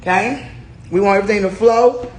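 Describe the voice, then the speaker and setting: A man's voice: sits high, fairly quick. A man in his forties hosting a casual chat over drinks, loose, joking and profane. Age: 40s. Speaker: host. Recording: echoey room with background noise.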